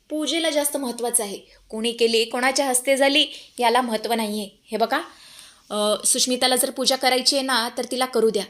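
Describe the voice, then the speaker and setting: A woman's voice: a little high, fairly bright tone, natural voice. A woman voicing an elderly grandmother heading the family, stern and commanding.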